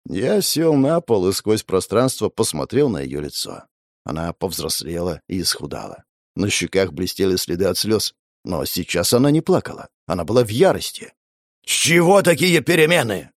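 A man reading a first-person fantasy novel aloud in an expressive, animated way at a close microphone. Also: low voice, normal speed, no echo. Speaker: audiobook narrator.

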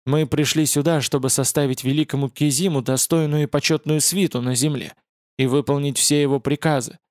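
A man's voice: on the high side, steady tone, brisk, a little mellow, no room sound, clean studio sound, natural voice. A man reading an audiobook voices a proud young female demon warrior, haughty and strained by pain. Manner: haughty, then pleading in pain.

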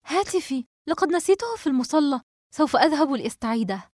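A woman's voice: on the high side, expressive, quick pace, a little mellow, dry recording, studio quality, voice pushed up, lightly acted. A woman reading a novel aloud, voicing an anxious young woman in urgent, pleading tones.

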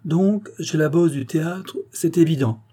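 Male narrator as shrewd young sleuth, insistent, husky low timbre. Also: a little slow, dark tone. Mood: probing. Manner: insistent, probing, confident. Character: sharp, cunning young male detective.

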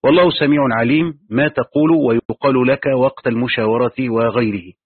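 A man teaches Quran commentary, reading aloud from a tafsir text and then adding his own explanations. His mid-range voice is brisk with a breathy edge, and the recording is tinny, phone-like and lo-fi with no echo.

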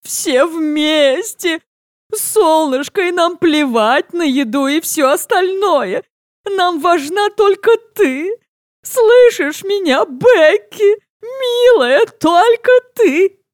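A woman voicing an anxious mother who calls out to her daughter in a fussy, frantic, drawn-out plea. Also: very high-pitched, animated, no echo, clean studio sound, pitched above the performer's own voice, full character voice.

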